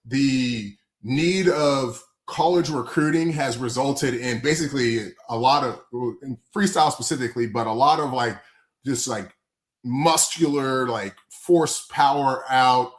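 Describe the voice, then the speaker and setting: A man's voice: medium pitch, slow pace, roomy sound. A man co-hosting a casual sports podcast, talking in a rambling way with many fillers and restarts. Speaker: podcast co-host.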